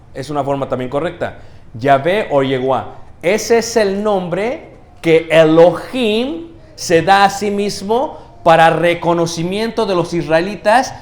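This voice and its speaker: A man with a fairly high voice preaches a teaching sermon in a church. He keeps checking that his listeners follow, asking them questions and adding a quick "ok?". He slows down and stresses the key words.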